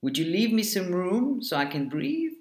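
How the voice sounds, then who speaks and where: A man's voice: high-pitched, sing-song, normal speed, pitched above the performer's own voice. A man voicing a sleepy, polite storybook boy. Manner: polite, gently pleading. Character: sleepy, polite young male storybook character. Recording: echoey room.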